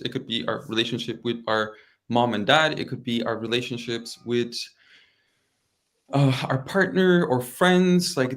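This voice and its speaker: A young man from Turkey talks to a small group, and his speech is loose and rambling. He says "like" over and over and repeats his phrases. His voice sits at an ordinary, middle pitch for a man. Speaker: guest speaker. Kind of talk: casual group talk.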